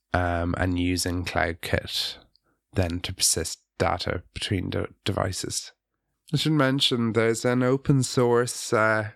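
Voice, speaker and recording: Hesitant low-voiced man talking tech. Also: no echo, studio quality. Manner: hesitant, many ums and restarts. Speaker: podcast co-host, app developer. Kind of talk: casual tech podcast chat.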